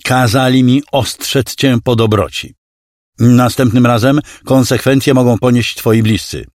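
A man's voice: mid-range voice, fairly even intonation, unhurried, no echo, studio quality, voice pushed up, close to an everyday voice. A man voicing a cruel male alien clone villain who mocks and threatens in a condescending, menacing way. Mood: mocking menace. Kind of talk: audiobook character voice.

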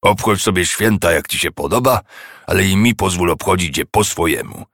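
A man doing Scrooge, a gravelly old miser. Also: low-pitched, fairly quick, fairly bright tone, no echo, studio quality, heavily acted. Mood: scornful. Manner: scornful, mocking, scolding. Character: miserly grumpy old man, scornful and harsh.

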